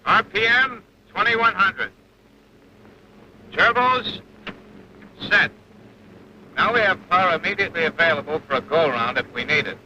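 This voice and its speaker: In a 1940s training film, a man plays a seasoned, exacting bomber flight instructor with a clipped, instructional manner, sounding brisk and firm. His high-pitched voice is a little slow, with long pauses, a sharp tone, and heavy acting. The old film soundtrack is lo-fi and carries engine noise.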